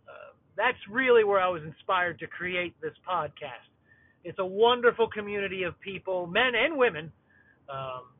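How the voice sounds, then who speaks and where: A man's voice: high-pitched, no echo. A middle-aged podcast host talking off the cuff from inside his car, his voice sounding tinny and metallic through the car's built-in Bluetooth audio, rambling with many filler sounds. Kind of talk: unscripted solo monologue. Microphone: car's built-in Bluetooth system.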